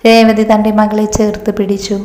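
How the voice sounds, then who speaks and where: Woman narrating a story, calm even tone, echoey room, soft music. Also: medium pitch. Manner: calm, measured reading. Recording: roomy hall reverb, faint music.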